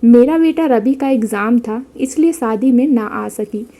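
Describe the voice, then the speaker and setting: Woman doing a bubbly showy sister-in-law, chatty, kinda high and mellow. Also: a little slow.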